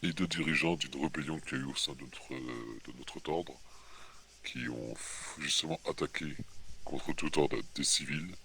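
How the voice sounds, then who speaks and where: Man, extremely deep voice, gravelly, bright tone, formal inquisitor roleplay, halting. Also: a little hiss or hum. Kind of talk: in-character roleplay over voice chat.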